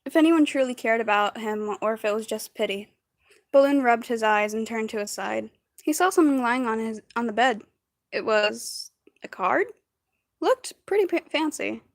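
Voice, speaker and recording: A woman's voice: a little high, animated, normal speed, dry recording. A woman casually reading fan fiction aloud on a livestream, often giggling, tripping over words and chatting with her viewers. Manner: giggly, stumbles over words and chats with viewers between lines.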